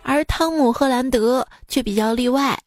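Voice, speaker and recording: High-voiced woman telling jokes. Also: normal speed, dry recording, studio quality. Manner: lively storytelling, acting out quoted lines; laughs at her own jokes. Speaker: radio joke show host. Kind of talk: casual joke telling.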